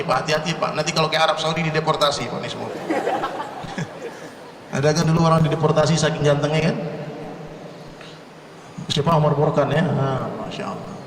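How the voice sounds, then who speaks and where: A man's voice: fairly high pitch, fairly bright tone, roomy sound, big-room sound, far from the mic, slight background noise. A man from Indonesia preaching to a congregation with humor, talking straight to the crowd and repeating phrases rhythmically. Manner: jokey, addresses the crowd directly, rhythmic repetition. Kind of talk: humorous religious talk to a congregation.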